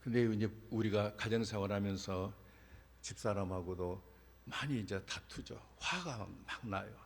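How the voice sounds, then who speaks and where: A middle-aged Korean pastor preaches a sermon, animatedly telling personal stories and acting out their dialogue in a slightly rough, lowish voice at a moderate pace. The church sanctuary's long hall reverb surrounds him.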